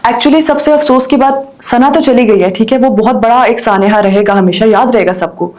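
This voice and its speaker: Female guest, earnest and indignant, warm voice pitched a little high. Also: normal speed. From Pakistan. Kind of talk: podcast discussion.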